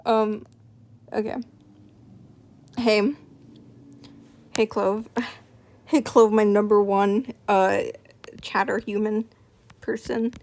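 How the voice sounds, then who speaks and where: A woman's voice: medium pitch, little pitch movement, takes it slowly, long pauses, darkish tone. A young woman streaming live, chatting casually, nervous and apologetic, rambling with lots of fillers.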